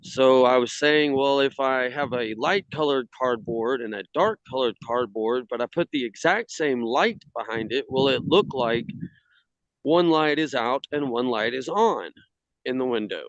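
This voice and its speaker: A man on a video call from outdoors in the cold, casually presenting his hobby work in a halting way. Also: medium pitch, no room sound. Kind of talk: casual slideshow talk. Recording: slightly dull video-call audio.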